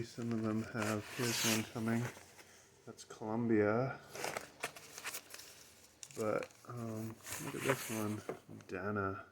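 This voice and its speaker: A man with a lowish voice gives an unscripted, casual show-and-tell of items as a record collector and seller. He hesitates, rambles, and often trails off mid-thought, with background noise audible.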